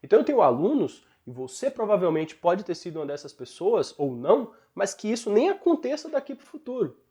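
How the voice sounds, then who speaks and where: A man's voice: sits high, big pitch swings, fairly quick, mellow. A man with a Brazilian Portuguese accent teaches an online English lesson in an encouraging, explanatory way.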